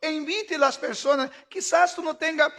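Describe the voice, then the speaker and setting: Very high-voiced fervent male preacher. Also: normal speed. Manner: fervent preaching, shouting at peaks. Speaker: pastor. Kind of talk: sermon.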